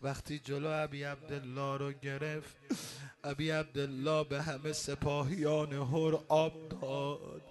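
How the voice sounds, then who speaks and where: A man leading a mourning ceremony, moving between quick spoken storytelling and slow sung lament with repeated pleading refrains. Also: on the high side, flat delivery. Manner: repeats pleading refrains, calls on listeners to join. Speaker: mourning eulogist. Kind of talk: chanted religious elegy.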